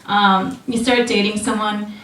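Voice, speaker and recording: A young woman performing a stand-up set at a small club, with a slow deadpan delivery full of ums and little chuckles. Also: mid-range voice, slight background noise. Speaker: stand-up comedian. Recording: roomy echo from a distance.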